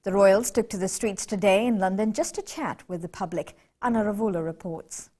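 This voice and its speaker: A woman's voice: medium pitch, normal speed, darkish tone. A young woman anchoring a scripted television news bulletin in a studio. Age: young adult.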